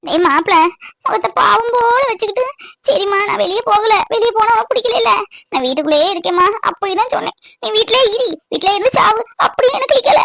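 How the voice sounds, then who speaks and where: A meek young husband who pleads and grumbles in a timid way. His cartoon voice is high and quick, recorded dry and close. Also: lively intonation, gravelly, fairly bright tone, dry recording, heavily acted. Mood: pleading. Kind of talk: cartoon voice acting.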